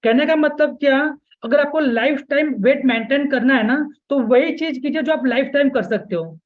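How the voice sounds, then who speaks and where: A man's voice: extremely high pitch, moderate pace, narrow, tinny audio. A man coaching weight loss in a live online webinar, mixing English into his Hindi and checking in with "okay?" again and again. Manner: keeps checking in with listeners, repeating "okay?" and "yes"; mixes English words into Hindi speech.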